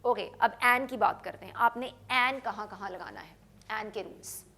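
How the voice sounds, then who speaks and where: A woman teaching English grammar on television. She explains patiently, mixes Urdu with English phrases, asks rhetorical questions, and slows down on her English examples. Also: medium pitch, vocal fry, pushed and bright. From Pakistan.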